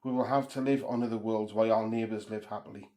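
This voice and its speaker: A man's voice: on the low side, fairly even intonation, fast talker, warm tone. A man speaking as a horror host, telling spooky material in a solemn, theatrical, incantatory way. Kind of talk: spooky scripted narration and ritual chanting. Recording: roomy, echoing sound.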